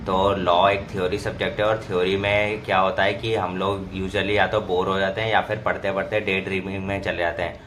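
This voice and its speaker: A man's voice: deep voice, little pitch movement, brisk, few pauses, a bit bright, a little hiss or hum. A young man narrating his study vlog casually, explaining each step in Hindi mixed with English words. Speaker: student vlogger. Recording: voice-over with clear background music.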